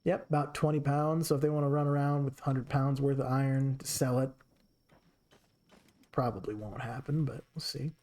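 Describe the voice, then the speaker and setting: A man's voice: mid-range voice, steady tone, moderate pace, dark tone. Chatty man commenting on his game. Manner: chatty, talks to his characters. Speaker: streamer. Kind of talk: casual gameplay commentary.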